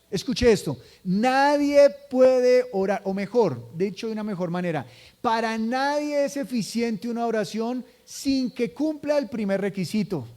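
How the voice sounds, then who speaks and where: High-voiced man preaching conversationally. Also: a little mellow. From Colombia. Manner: conversational, acts out quoted voices, asks tag questions. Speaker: pastor. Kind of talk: sermon.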